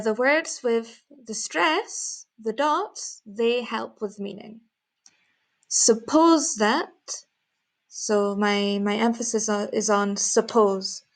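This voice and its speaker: Slow, careful woman teaching English. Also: medium pitch, gravelly, low-quality recording. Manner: says "okay" often, repeats model sentences. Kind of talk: slow, careful grammar lesson.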